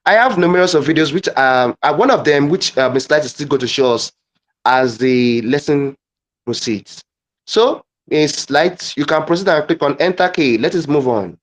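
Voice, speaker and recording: A man leading a live online teaching demo, halting and repeating phrases as he dictates wording. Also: fairly high pitch. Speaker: guest presenter.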